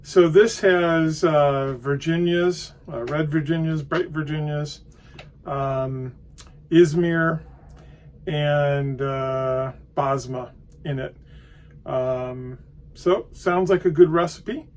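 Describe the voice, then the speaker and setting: A man giving a casual, unscripted tobacco review, hesitant and halting as he thinks aloud. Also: on the high side, fairly even intonation, darkish tone, slight background noise.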